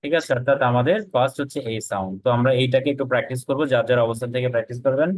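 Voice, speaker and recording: A man with a Bengali accent teaching English pronunciation in an online class, slowly repeating practice phrases and often checking in with his students. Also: mid-range voice, a little mellow, no room sound, rough recording.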